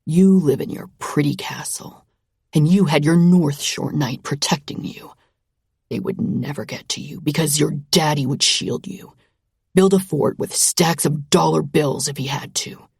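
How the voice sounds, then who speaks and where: Casting: woman doing a brooding young man, low threatening rasp, breathy, deeper than her own voice, whispered audiobook reading. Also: measured pace, darkish tone, no echo, clean studio sound, exaggerated voice. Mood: menacing. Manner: speaks through gritted teeth, sneering.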